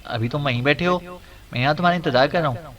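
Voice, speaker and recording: A man's voice: mid-range voice, a bit bright, close to an everyday voice. A man voicing a stern, sly secret agent. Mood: stern, commanding. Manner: commanding, clipped, playful. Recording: distant mic.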